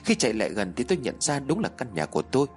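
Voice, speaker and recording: A man's voice: medium pitch, big pitch swings, quick pace, faint music behind. A man narrating a spooky first-person horror story in a tense, dramatic storytelling manner.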